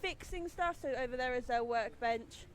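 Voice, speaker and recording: Female tour guide, high voice, informal and explanatory, faint background noise aboard a ship. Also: normal speed. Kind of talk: casual guided tour narration. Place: on board a ship. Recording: faintly noisy ship recording.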